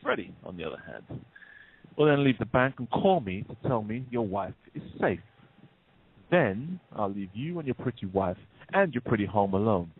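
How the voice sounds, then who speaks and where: In an audio play, a man voices a smug, menacing bank robber with a lowish, husky, exaggerated voice that swings widely in pitch at a normal speed. His mood is cold and menacing, his delivery taunting and mock-polite, and the recording sounds muffled and narrow, like a phone.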